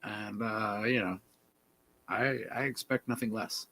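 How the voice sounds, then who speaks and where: Deep-voiced man in his fifties. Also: unhurried, pushed and bright, slight background noise. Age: 50s. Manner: profane, laid-back. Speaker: livestream host. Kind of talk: casual chat.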